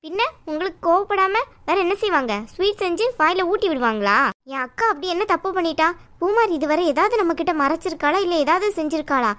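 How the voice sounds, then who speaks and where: A woman voicing an outspoken young woman who fiercely defends her older sister in an animated story. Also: very high voice. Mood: indignant. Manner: sharp, indignant, rapid-fire questions. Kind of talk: cartoon voice acting.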